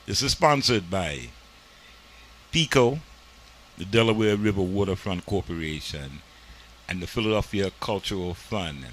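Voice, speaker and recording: A deep-voiced community TV host with lively intonation talks a little slowly as he interviews and comments casually in a studio, preachy and emphatic with his "this here." A slight hiss or hum is audible.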